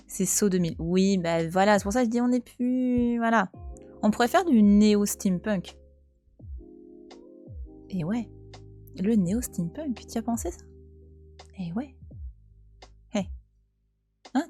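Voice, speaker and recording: A French woman in her thirties streams live on Twitch from home with a cat nearby, her voice medium-pitched and dark. She chats casually and teasingly, talking back to her chat.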